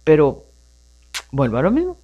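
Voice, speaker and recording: A woman with a low voice hosts a live radio show on personal growth, speaking at normal speed, though the highs in the recording are cut off. In an animated coaching tone she fires off rhetorical questions to listeners, often saying "entonces" and "no?".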